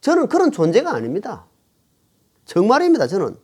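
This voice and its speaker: A middle-aged man delivers a sermon as pastor. His pitch swings widely as he leans on key phrases, repeating them to drive the point home, and he pauses to read scripture aloud to his congregation. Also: wildly swooping pitch, darkish tone, breathy edge. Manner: emphatic, repeats phrases for stress.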